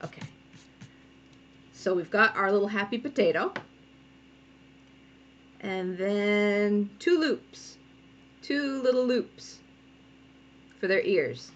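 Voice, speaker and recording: A woman's voice: mid-range voice, animated, slow, pauses often, lo-fi sound, slight background noise. A woman cartoonist giving a casual drawing tutorial from home, chatty and giggly, often breaking off to scold her cats. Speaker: cartoonist teaching a draw-along.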